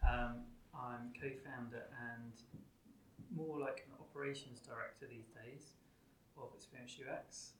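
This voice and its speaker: A man's voice: steady tone, unhurried. Thoughtful man interviewed in an echoey room. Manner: thoughtful, tentative, searching for words. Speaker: podcast guest, company co-founder. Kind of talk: conversational interview answers. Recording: echoey room with rumbling background noise.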